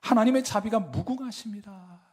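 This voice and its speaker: A man preaching a sermon as pastor in a church, moving from hushed asides to loud fervent pleading. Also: high-pitched, moderate pace, husky. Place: church sanctuary.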